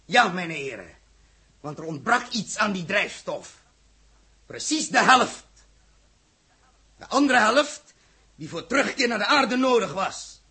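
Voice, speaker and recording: In 1960s Dutch radio drama acting, a male actor plays a fiery, indignant space captain confronting the government, impassioned, accusatory and rhetorical. His exaggerated voice sits high and sing-song, pushed, bright and husky, moving slowly with long pauses. The mood is indignant and accusing.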